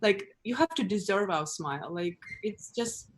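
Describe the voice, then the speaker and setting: A woman from Russia with a Russian accent, doing a stand-up set over a video call in a deadpan, blunt way, laughing at her own jokes. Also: mid-range voice, moderate pace, slight background noise. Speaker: stand-up comedian.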